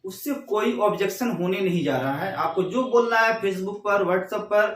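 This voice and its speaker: A man teaching an English grammar lesson, who reads each example slowly and then explains it again in Hindi. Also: high voice, reverberant, recorded from a distance.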